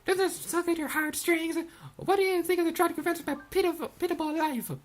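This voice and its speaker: Faint music sits behind a woman reading game dialogue in a put-on, pushed-up voice that is very high and steady in tone. She plays a young girl, a former rich debutante now in poverty, gushing rapidly in a theatrical, pleading and self-pitying way.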